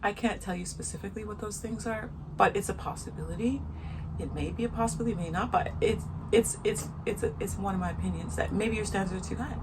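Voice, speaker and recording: Out in the sun, a vlogger with a soft, medium-pitched voice talks fast and shares frank opinions in a casual video. She repeats her points for emphasis over a noisy background.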